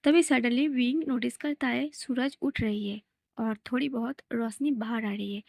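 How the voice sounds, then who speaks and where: A woman's voice: on the high side, fairly even intonation, normal speed, creaky, darkish tone, no echo. A woman casually retelling a fan fiction story in a plain, conversational way.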